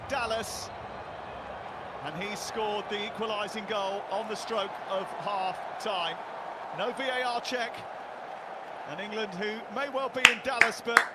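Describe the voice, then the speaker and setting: Male live football commentator, high-pitched, heard over loud stadium noise. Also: fairly even intonation, a little slow.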